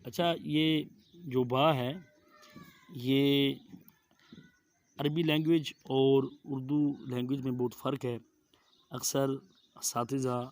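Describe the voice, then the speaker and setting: A middle-aged man with a Pakistani Urdu accent teaching Quranic letter pronunciation, saying each sound slowly and with care. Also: medium pitch. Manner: drawn-out careful letter pronunciation, monotone delivery. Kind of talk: slow methodical recitation lesson.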